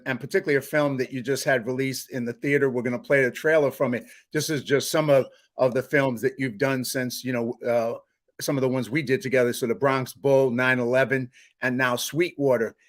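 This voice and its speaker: A man's voice: medium pitch, steady tone, fairly quick. Enthusiastic male podcast host. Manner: enthusiastic, introduces segments. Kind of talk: interview podcast hosting.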